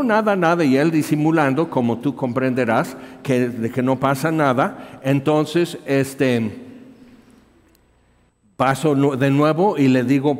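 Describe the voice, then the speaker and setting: Man telling a story in an echoing hall. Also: mid-range voice. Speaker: missionary preacher. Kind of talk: storytelling sermon. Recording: reverberant hall.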